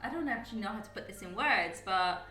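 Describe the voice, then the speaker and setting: A woman's voice: mid-range voice, animated, fast, sharp tone, distant mic, soft background music. Young woman podcast host, rambly casual chat, lots of um and like, echoey room. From Guyana and the UK. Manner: rambling, lots of fillers and restarts.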